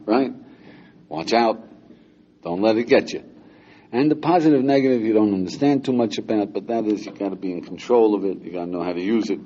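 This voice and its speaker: A man's voice: on the low side, dark tone, slightly rough. An older man, a rabbi, teaching a class of young men in a conversational, teasing way, often stopping to ask his listeners questions. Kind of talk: informal lecture to students. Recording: dull lo-fi lecture recording with faint hiss.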